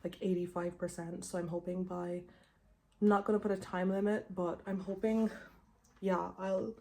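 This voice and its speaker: A woman in her twenties talks through a makeup tutorial in an informal, rambling way. Her voice is soft-edged and relaxed with plenty of creak, and a tongue piercing clicks in her speech. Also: lowish voice, normal speed. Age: 20s. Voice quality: tongue piercing clicking faintly against teeth. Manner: informal, rambling, frequent filler "like". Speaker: beauty vlogger. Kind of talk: casual chatty makeup tutorial.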